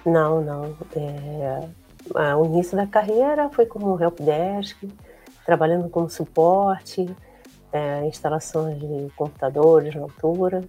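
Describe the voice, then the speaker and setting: Woman, low husky mellow voice, relaxed interview guest. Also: unhurried, soft background music, rough recording. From Brazil. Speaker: guest database administrator. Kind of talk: casual interview chat.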